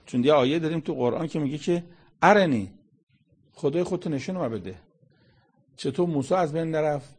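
Husky-voiced man giving a religious lecture. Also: fairly high pitch, dark tone. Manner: colloquial explaining, quoting Arabic verses. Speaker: Quran commentator.

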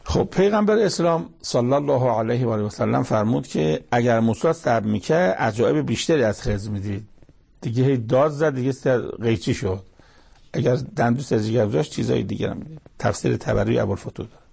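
A man's voice: medium pitch, lively intonation, creaky, darkish tone, husky. A man giving short verse-by-verse Quran commentary, telling the scripture story plainly with everyday sayings. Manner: plain storytelling with colloquial asides.

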